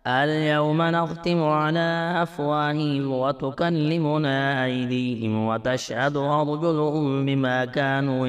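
A man with a mid-range voice recites scripture in a melodic Quranic chant, keeping a measured pace and drawing out the endings of verses.

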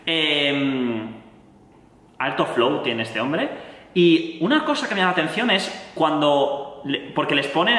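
A man from Spain with a Spanish accent, reacting to a song in excited, casual commentary full of fillers and exclamations. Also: fairly high pitch. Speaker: music reaction youtuber. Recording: echoey roomy sound with long reverb.

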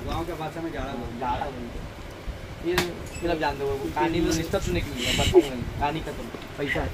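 A man's voice: on the high side, fast talker, a loud crowd. A man in his thirties, a shop owner, showing products in a casual chatty way and drifting into preachy asides. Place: crowded housewares shop, indoors. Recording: noisy shop with traffic outside.

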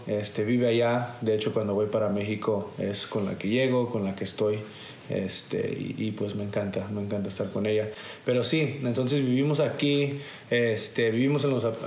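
A US-born man in his twenties, a guest, tells childhood stories casually, his talk full of "este" fillers. His voice sits on the low side and is a little mellow. He's indoors on a garage set with a couch, and the sound is reverberant with slight background noise.

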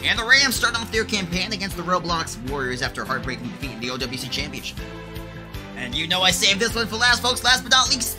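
A man hosting a livestreamed game broadcast, joking with co-hosts and talking to chat. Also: high-pitched. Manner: joking, hype, talks to chat. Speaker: stream host and commentator. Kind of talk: casual livestream commentary.

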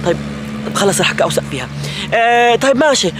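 A man hosting a kids' comedy skit, talking to his viewers in an excitable, dramatic way. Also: extremely high pitch, racing, background noise. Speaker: youtube host.

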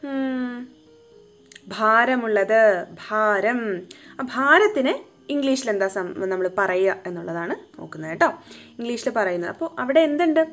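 A woman's voice: a little high, expressive, normal speed, long pauses, a bit bright, faint music behind. A woman teaching English phonics, sounding out words syllable by syllable and coaxing her young learners with questions. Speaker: home tuition teacher. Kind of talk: phonics lesson for children.

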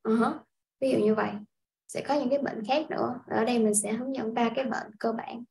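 A woman from Vietnam teaching a casual language lesson, explaining step by step in an unhurried way with frequent filler sounds. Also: on the high side, steady tone, vocal fry, darkish tone, poor audio. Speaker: English teacher.

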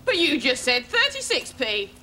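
A woman's voice: high-pitched, wildly swooping pitch, moderate pace, exaggerated voice. A woman playing an indignant chip-shop customer in a TV comedy sketch. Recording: old TV studio, loud audience and noise.

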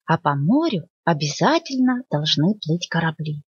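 Small eager storybook hedgehog voiced by a woman, earnest, lively pitch, husky, dry close sound. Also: moderate pace, no echo, exaggerated voice. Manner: earnest, pleading, raised pitch. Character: small eager hedgehog boy dreaming of ships. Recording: dull lo-fi dry recording.

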